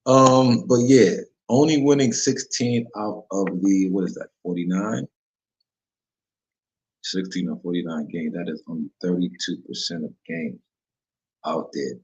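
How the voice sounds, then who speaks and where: A man's voice: deep voice, measured pace. A man hosting a casual solo sports betting talk show, rambling in slang and often correcting himself. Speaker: sports betting podcast host. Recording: dull lo-fi recording.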